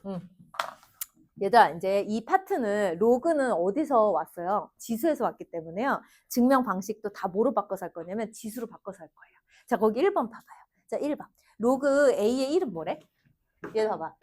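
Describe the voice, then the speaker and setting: A woman math teacher giving a lively classroom lesson, constantly asking her students questions. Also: medium pitch, moderate pace. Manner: lively, addresses students directly with frequent questions.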